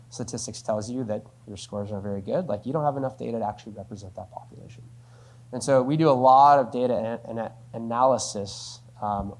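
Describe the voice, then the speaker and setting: Man, lowish voice, conversational explainer, says "right?" a lot, business Q&A. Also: a little mellow. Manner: explanatory, uses frequent "right?" tags. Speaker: company spokesperson answering questions. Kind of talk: conversational Q&A answer.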